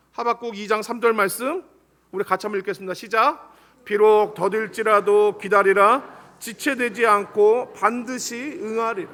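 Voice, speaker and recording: A man's voice: extremely high pitch, fairly bright tone. A man preaching a Sunday sermon in a church, earnestly leading the congregation in reading scripture aloud. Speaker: pastor. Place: church sanctuary.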